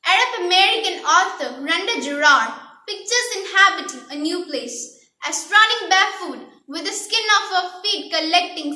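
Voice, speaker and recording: Very high, bright young girl, prim precise elocution. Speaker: student contestant in a declamation contest. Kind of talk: memorised speech declamation. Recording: echoey room.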